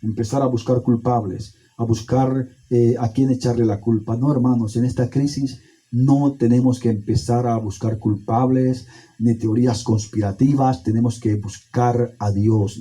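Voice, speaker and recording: A man preaching a sermon as pastor, with emphatic pauses and repetition. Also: medium pitch, dark tone, slightly rough, low-quality recording.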